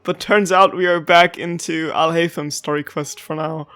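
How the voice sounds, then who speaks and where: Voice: mid-range voice, steady tone, normal speed, a bit bright, clear, resonant tone, no echo. A gaming streamer giving casual, informal commentary, reacting aloud while playing.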